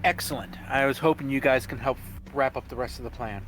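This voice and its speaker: A man's voice: mid-range voice, a little fast, music in the background, rough recording. A man playing a tabletop game, casually describing his character's moves in a rambling, joking way. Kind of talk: casual role-play chat, describing his character's actions.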